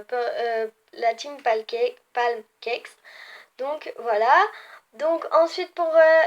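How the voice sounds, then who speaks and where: High-pitched young girl vlogging, chatty, lots of ums, keeps correcting herself. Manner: chatty, many fillers, often corrects herself. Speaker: beauty vlogger. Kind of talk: casual ranking video.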